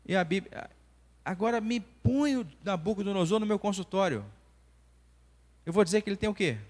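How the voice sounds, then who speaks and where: This high-pitched man speaks at a moderate pace with a Brazilian Portuguese accent. In his forties and a doctor, he teaches a church class full of personal stories, acting out the dialogue with animation. The long reverb of a church hall surrounds him.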